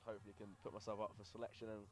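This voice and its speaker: A young man with a Scottish accent commentates live rugby sevens in a fairly low voice. He moves between calling the play and chatting casually as someone who plays the sport himself. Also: monotone, very fast, darkish tone. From grew up in London. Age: young adult.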